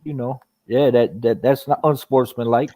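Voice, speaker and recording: A man co-hosting a casual boxing talk show, talking in halting bursts with repeated words and frequent laughs. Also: medium pitch, fairly even intonation, mellow. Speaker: boxing podcast co-host. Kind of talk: casual chat.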